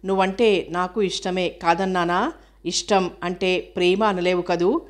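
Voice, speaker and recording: A woman's voice: on the low side, fairly even intonation, measured pace, close to an everyday voice. Clingy grieving young woman, read by a woman. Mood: reproachful.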